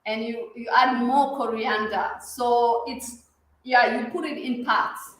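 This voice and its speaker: A woman's voice: on the high side, steady tone, slow pace, fairly bright tone. Woman in a very echoey room. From Kenya. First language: Somali. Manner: easygoing, explaining as she cooks. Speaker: guest cook. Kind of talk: casual cooking chat.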